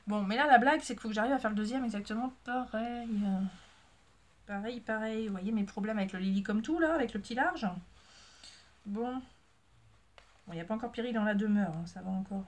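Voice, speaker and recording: A woman's voice: on the high side, fairly quick. A woman, a mother, chatting casually to her viewers in a rambling, self-mocking way with many fillers. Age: adult with a child. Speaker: sewing and knitting vlogger. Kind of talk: casual chat to camera.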